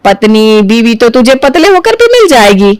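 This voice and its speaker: A woman's voice: on the high side, big pitch swings, normal speed, clean tone, no room sound. A woman voicing a middle-aged mother in a cartoon who reasons patiently with her son. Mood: coaxing. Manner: coaxing, reasoning.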